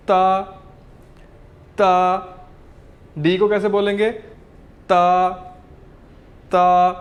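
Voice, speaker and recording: Slow, high-voiced male teacher. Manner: slow, repeats sounds over and over for the learner. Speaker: language teacher. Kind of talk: pronunciation lesson.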